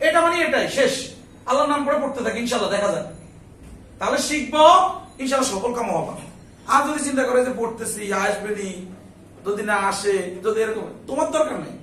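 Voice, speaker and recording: A man's voice: very high-pitched, a bit bright, echoey room, recorded from a distance, a little hiss or hum, low-quality recording. A man tutoring a live English class, coaxing his students and repeating his questions back to them.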